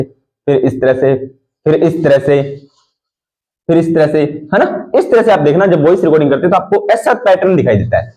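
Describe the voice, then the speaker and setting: Male exam-prep teacher, a bit high-pitched, mellow, repeats and quizzes the class. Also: poor audio. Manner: repetitive, quizzes students and answers himself; rhythmic drilling of key points. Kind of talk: live online class lecture.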